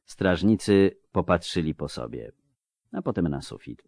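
A man narrating a fantasy audiobook in an expressive, scripted reading with varied emphasis, on a close mic. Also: low voice, measured pace, no echo.

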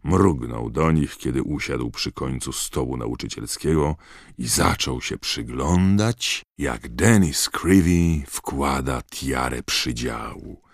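A man narrating an audiobook with a very deep, low voice and a steady, measured delivery. The recording is close and dry, with no room around it. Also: creaky, no echo. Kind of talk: scripted narration.

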